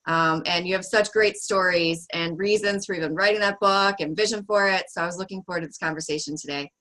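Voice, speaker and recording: A woman's voice: on the low side, a little fast, pushed and bright, poor audio. Woman host for an interview podcast; polished, upbeat delivery. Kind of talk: scripted podcast intro and interview.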